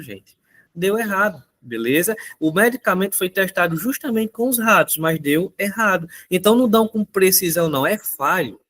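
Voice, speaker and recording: Male teacher, slightly high voice, lively and chatty while going over answers. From Brazil. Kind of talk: recorded exam answer walkthrough.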